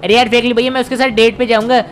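A man voicing a cheeky, mischievous little cartoon boy in a comedic game role-play, whiny and teasing with a drawn-out squeal. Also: very high voice, little pitch movement, soft background music.

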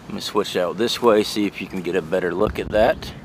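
Deep-voiced and brisk, a middle-aged man vlogs a trailer tour, moving around and inside a small trailer while chatting to viewers as "guys" in a folksy, plain manner. Audio comes from a handheld camera or phone mic and is noisy, with outdoor and fan hum.

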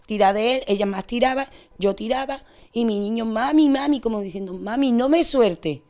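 A woman's voice: a little high, a little mellow. Distressed young Andalusian woman. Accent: Andalusian Spanish. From Spain. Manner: distressed, rushed retelling. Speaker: interviewee. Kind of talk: emotional testimony.

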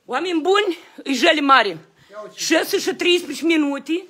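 A woman with a Moldovan Romanian accent, loudly and indignantly scolding people as she films a police search of her home for viewers. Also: high voice, lively intonation. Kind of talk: agitated live stream to viewers.

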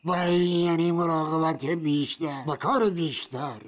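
A man's voice: a little high, natural voice. A man voicing a watchful farm rooster in a cartoon who worries and complains. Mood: grumbling. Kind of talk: cartoon voice acting.

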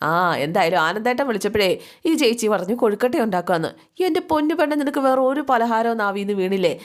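Woman putting on a middle-aged husband scolding his wife. He teases her sharply, and his voice pitches up high as he nags her in this retold soap story. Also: fast, lightly acted. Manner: teasing, scolding.

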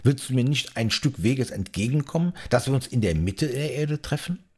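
A man voicing a mighty storm king in a fairy-tale audiobook, calling out loudly and ardently. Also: mid-range voice, animated, normal speed, slightly rough, pitched above the performer's own voice. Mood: ardent, pleading. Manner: calls out loudly.

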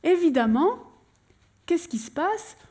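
A woman on stage telling a true story to an audience, animated and acting out the scenes as she goes. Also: very high-pitched, slow.

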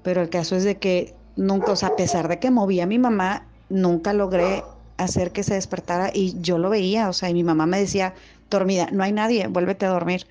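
A woman's voice: on the low side, fairly even intonation, brisk, background noise. A woman telling her own scary experience casually, rambling and circling back as she talks. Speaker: follower telling her own ghost story. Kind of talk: casual spoken storytelling. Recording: lo-fi voice message.

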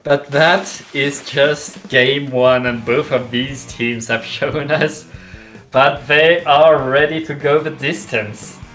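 An esports co-caster giving enthusiastic color commentary with slightly halting phrasing. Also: medium pitch, fairly even intonation, a bit bright, faint music behind.

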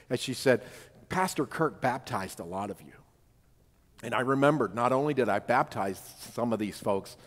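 A male pastor giving a sermon in a conversational, personal way, often asking his congregation "right?". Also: mid-range voice. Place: church sanctuary. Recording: long church hall reverb.

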